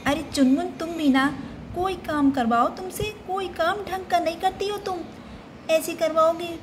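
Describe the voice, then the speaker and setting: Impatient older sister doll, voiced by a woman, high voice, noisy home recording. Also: moderate pace. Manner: scolding, impatient. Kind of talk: doll play storytelling.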